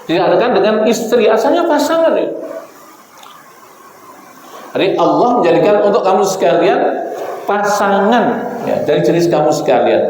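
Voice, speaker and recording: A middle-aged man preaching a sermon, joking and telling stories, reciting Arabic verses slowly. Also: high voice, big pitch swings, a little mellow. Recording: echoey hall with faint noise.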